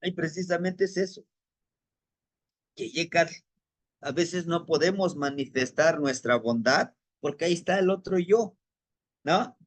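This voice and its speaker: A man, leading a guided spiritual lesson in a gentle, reflective way, often asking rhetorical questions. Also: on the high side, measured pace, long pauses. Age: 40s. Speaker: spiritual teacher.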